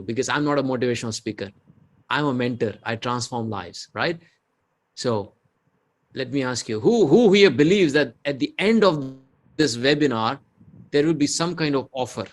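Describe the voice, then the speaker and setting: A man from India with an Indian accent, a business mentor leading a live webinar with rhetorical questions and mixing in Hindi. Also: mid-range voice. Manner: energetic, rhetorical, reads out chat replies, mixes in Hindi.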